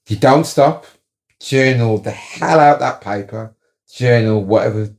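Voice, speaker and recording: A man's voice: fairly low pitch, darkish tone. A man giving casual, chatty advice on relaxing, showing the moves as he talks and repeating words for stress. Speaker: wellness coach.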